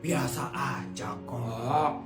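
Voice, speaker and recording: A man voicing a kind, poor man who speaks softly and sympathetically in a comedy sketch voice-over. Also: medium pitch, steady tone, very slow, creaky. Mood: sympathetic. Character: kind-hearted poor man, soft and pitying. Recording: echoey with loud background music.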